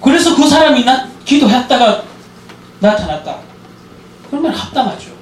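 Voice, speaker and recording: A man's voice: very high voice, normal speed, echoey room, recorded from a distance, a little hiss or hum, low-quality recording. A man giving a church lecture on marriage and parenting, telling stories and acting out the dialogue. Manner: animated storytelling, acting out quoted dialogue.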